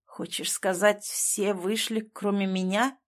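A woman's voice: mid-range voice, normal speed, natural voice. A woman reading the lines of a stubborn, bitter man who speaks curtly. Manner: curt, bitter.

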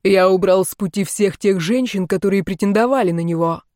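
A furious, wounded dragon man from an audiobook spits out his words slowly and loudly, as a woman reader puts him on. The voice sits at a middle pitch. The recording is close and dry. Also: dry recording, natural voice.

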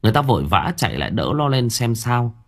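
A man narrating an audiobook story in a lively, expressive way. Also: mid-range voice, fast, gravelly.

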